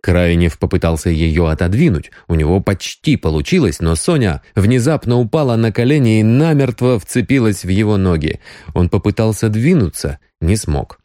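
A man narrating an audiobook with expressive storytelling. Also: lowish voice, normal speed, no room sound, clean studio sound.

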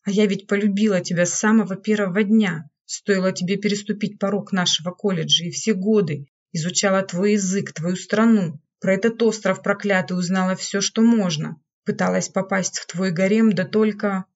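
A woman's voice: medium pitch, fairly even intonation, moderate pace, hardly any pauses, lightly acted. A woman reading an audiobook, voicing a hysterical, jealous woman servant who speaks in a bitter, accusing way. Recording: dull lo-fi recording.

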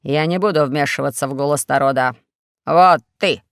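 A reader voicing a pompous, scheming underground dictator who makes slow, self-important proclamations in an audiobook. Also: mid-range voice, clean tone, no echo, clean studio sound, voice pushed down, natural voice. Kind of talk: audiobook character voice.

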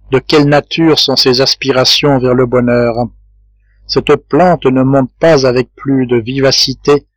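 A man narrating a classic novel as an audiobook, in a measured, even literary reading. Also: mid-range voice, no echo. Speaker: audiobook reader. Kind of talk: scripted narration.

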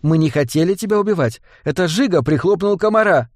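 A man's voice: high-pitched, animated, fairly quick, darkish tone, no room sound, pitched above the performer's own voice. A man playing a curt, sardonic nun. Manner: curt and dry-witted. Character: stern, sardonic woman nun exorcist.

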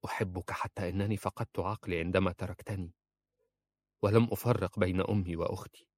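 A man voicing an anguished, passionate young wife, quietly intense and pained. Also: sits low, fairly even intonation, fast, no room sound.

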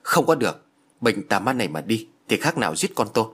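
A stern, strong-willed old village mother, as a male reader puts her on. She speaks firmly, in a husky voice that rises and falls a lot. An audiobook character voice. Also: on the low side, sing-song, fairly quick, fairly bright tone, full character voice.

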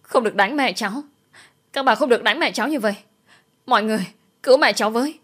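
Woman as a frightened small boy, high, wailing pleas. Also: fast, a bit bright. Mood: panicked. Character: terrified little boy begging for help.

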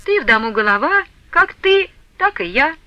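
A woman reading an old peasant mother who laments in a high, wailing voice, in an audiobook. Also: sing-song, moderate pace, sharp tone, no echo, heavily acted. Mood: meek.

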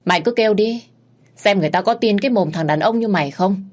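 A woman voicing a sharp-tongued young wife who curses in a shrill, sour voice. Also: animated, fairly quick. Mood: furious scolding. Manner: scolding, cursing loudly.

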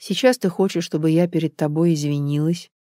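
A woman reading an older female cook who speaks quietly and plaintively but holds firm. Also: low-pitched, fairly even intonation, fairly quick, no room sound, clean studio sound, close to an everyday voice.

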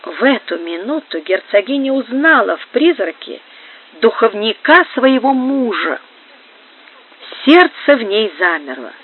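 A narrator reads a period novel in a steady, measured way. The pitch sits mid-range for the voice. The whole reading comes through a narrow, tinny band like a phone line. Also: slightly rough. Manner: measured, even literary reading. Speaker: audiobook narrator. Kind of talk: audiobook reading of a historical novel.

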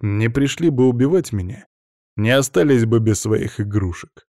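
A man's voice: mid-range voice, animated, moderate pace, darkish tone, no room sound, clean studio sound, close to an everyday voice. A man voicing a young aristocratic heir who speaks coolly, with control and firm demands. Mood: cold. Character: young male aristocrat heir, cold and self-assured.

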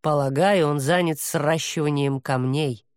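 A woman voicing a proud male demon who talks in a low, growling, contemptuous way, as in an audiobook. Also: a little slow, darkish tone, clear, resonant tone, no echo, clean studio sound. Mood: matter-of-fact.

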